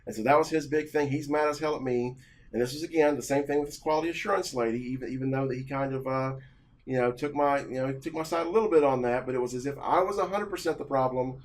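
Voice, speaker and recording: Agitated man telling a work story. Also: medium pitch. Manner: agitated, halting, many restarts. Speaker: office analyst. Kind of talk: casual personal story.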